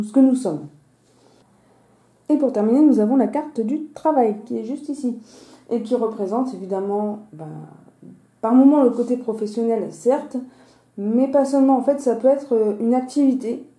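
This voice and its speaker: A woman's voice: on the high side, dark tone. A woman with a slushy lisp on her s sounds, hosting a casual, explanatory card reading. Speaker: host of a weekly card-reading video. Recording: roomy, echoing sound.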